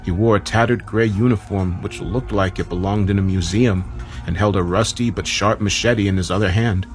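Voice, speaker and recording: Low-voiced man narrating a horror story. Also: fairly even intonation, soft background music. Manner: measured, dramatic first-person storytelling.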